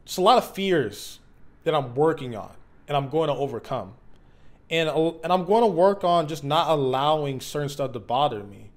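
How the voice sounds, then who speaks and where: A man in his mid twenties with a slightly high-pitched voice gives a candid, unscripted personal vlog. He is earnest and reflective, feeling his way through his thoughts in halting, slangy conversation. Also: expressive. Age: mid 20s. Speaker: YouTube content creator.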